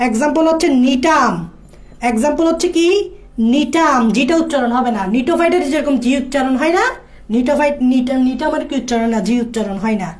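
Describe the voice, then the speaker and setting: A woman's voice: sits high, quick pace, darkish tone. A woman tutoring biology for exams in a casual lecture, repeating key points and checking that students follow. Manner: repetitive, drilling key points. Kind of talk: exam-prep lecture.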